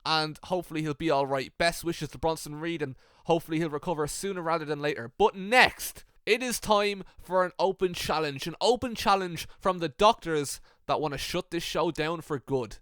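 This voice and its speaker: A man doing mock wrestling commentary, hyped and stammering, with deadpan jokes. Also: fairly high pitch, moderate pace, few pauses, clean tone, dry recording.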